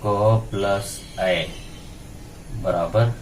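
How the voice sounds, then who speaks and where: A male teacher giving a grammar lesson, spelling out sounds one at a time in a slow, deliberate way. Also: on the low side, steady tone, a little hiss or hum, poor audio. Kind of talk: grammar lesson explaining on a board.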